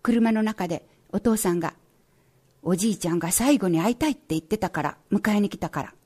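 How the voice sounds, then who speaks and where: A woman radio announcer reading a prize-winning children's essay aloud in a slow, measured, gentle way. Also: medium pitch.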